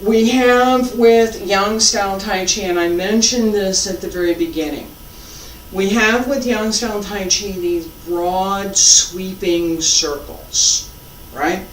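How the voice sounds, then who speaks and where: Casting: mature tai chi teacher, slow calm cues, recorded from a distance in a reverberant room. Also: mid-range voice. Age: middle-aged or older. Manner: calm, unhurried, sparse instructional phrasing. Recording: echoey room, distant mic, faint noise.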